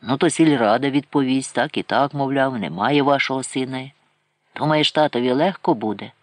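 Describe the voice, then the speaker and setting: A man voicing a gentle, grey-stubbled older soldier who works as a postman and speaks with mild, kindly reproach. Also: medium pitch, normal speed, no echo, close to an everyday voice. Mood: gentle, reproachful.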